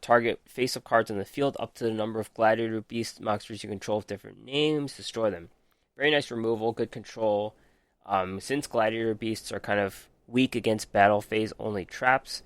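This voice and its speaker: A man's voice: lowish voice, no echo. A man hosting a podcast, methodically reading out card text and reviewing it with frequent ums while losing his voice. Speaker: podcast host. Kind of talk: casual card game review.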